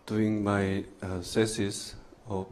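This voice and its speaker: A man's voice: fairly low pitch, little pitch movement, darkish tone. A man from South Korea studying abroad, speaking hesitantly about his thesis. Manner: hesitant, slow. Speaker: student.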